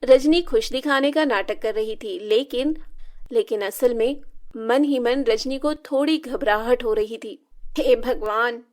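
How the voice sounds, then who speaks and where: High-voiced woman storyteller. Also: unhurried. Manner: plain, steady telling. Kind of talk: scripted story narration.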